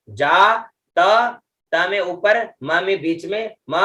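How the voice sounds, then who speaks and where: Middle-aged male teacher, slightly high, bright voice, slow deliberate chanting delivery, patient with repeated checks. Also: dull audio. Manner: slow, drawn-out chanting of mantra syllables with pitch-accent explanations; patient, repeats "ठीक है" and "है ना" often. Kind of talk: online class lesson.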